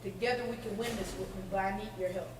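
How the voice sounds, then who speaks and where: Woman as calm determined doctor in spooky play, mid voice, far off, echoey, noisy. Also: medium pitch, fast, natural voice. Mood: resolute. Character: calm, resolute doctor investigating a haunting. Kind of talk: stage melodrama acting. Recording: distant echoey noisy recording.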